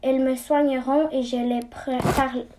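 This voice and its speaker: A woman's voice: high voice, little pitch movement, noisy background, close to an everyday voice. A woman reading as a little friendly bee. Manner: slow, halting reading. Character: small weak friendly bee.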